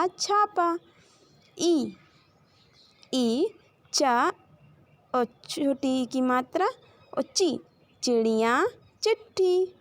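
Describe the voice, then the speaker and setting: A woman teacher with a high, bright-pitched voice walks children through the letters, sounding each one out with long, careful pauses. She speaks unhurriedly and talks straight to the kids as she points along a chart. The recording is dry and close, with no room around her. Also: dry recording. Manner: slow, drawn-out sounding of letters and example words. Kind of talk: children's Hindi grammar lesson.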